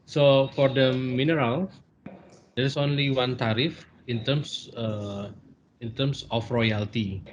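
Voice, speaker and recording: A man's voice: mid-range voice, steady tone, takes it slowly, slight background noise. A man answering a forum question, hesitant with many fillers. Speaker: panel expert. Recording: dull lo-fi sound.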